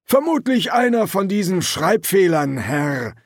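A man's voice: high-pitched, very animated, measured pace, no echo, clean studio sound, pitched above the performer's own voice, heavily acted. A man voicing a cunning, cool old army sergeant who speaks in a commanding way, in a German audiobook. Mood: sly.

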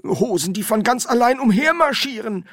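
A man's voice: very high-pitched, animated, normal speed, fairly bright tone, dry recording, studio quality, pitched above the performer's own voice. A man voicing a nervous, curious old male wizard who asks eager questions.

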